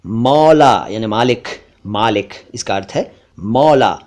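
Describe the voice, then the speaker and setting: Slow, deliberate male pronunciation teacher. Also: mid-range voice, darkish tone. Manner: slow, deliberate word-by-word drilling, contrasting wrong and right forms. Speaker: language teacher. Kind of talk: pronunciation lesson.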